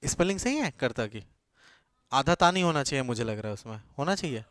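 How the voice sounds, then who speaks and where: A man's voice: medium pitch, animated, fairly quick, fairly bright tone, no echo, studio quality. A male teacher giving a classroom lecture, dictating notes, repeating key words and checking in with his students.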